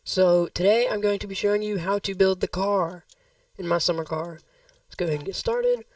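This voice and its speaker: This gaming tutorial host speaks in a high-pitched voice at a slightly quick pace, his throat a little worn as he begins losing his voice. He rambles, fixes his own slips, and keeps addressing his viewers as "guys." The audio has no echo, but the mic sits at a distance.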